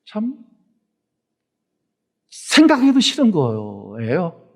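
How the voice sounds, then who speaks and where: A man gives a Sunday sermon as pastor in a church. His voice sits fairly high and moves a great deal, rising and falling with feeling. He asks rhetorical questions and draws out key phrases slowly for emphasis. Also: vocal fry. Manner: animated preaching with rhetorical questions, slowing down for emphasis.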